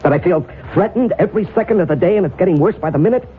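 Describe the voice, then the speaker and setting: A man's voice: sits high, very fast, close to an everyday voice. An actor playing a frightened male journalist who believes he is cursed, stammering and pleading in an old radio drama. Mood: desperate. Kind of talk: 1970s radio drama acting. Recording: tinny lo-fi old radio broadcast with hiss.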